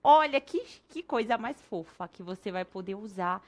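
A woman's voice: mid-range voice, lively intonation, moderate pace. A woman with a Brazilian accent hosting a craft lesson, chatting playfully and then pushing a sales promotion with hyped energy. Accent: Brazilian Portuguese. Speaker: craft teacher and host. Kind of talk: casual craft demo with sales pitch.

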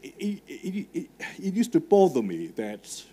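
Here a middle-aged man speaks in a slightly high, dark, slightly rough voice, unhurried and with big swings in pitch. His Hong Kong English accent reflects his native Cantonese; with a handheld mic on a stage in a large marquee tent, he talks live to students, conversational and filler-heavy, asking the audience questions.

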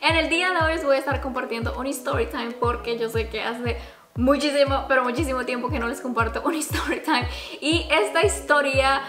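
A young adult woman vlogger telling a personal story in a casual, chatty, expressive way to the camera. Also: high-pitched, fairly quick. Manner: expressive, chatty, talks with her hands. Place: small furnished room at home, indoors. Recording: roomy home video sound. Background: background music.

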